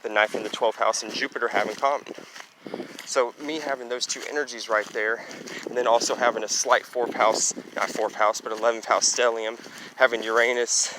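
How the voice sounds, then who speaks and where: Walking outdoors near trees and traffic, a young astrology vlogger delivers a casual vlog monologue in a loud, booming voice. He keeps a steady tone and moderate pace while rambling with lots of "you know" and "basically". Wind, street noise and passing traffic fill the background.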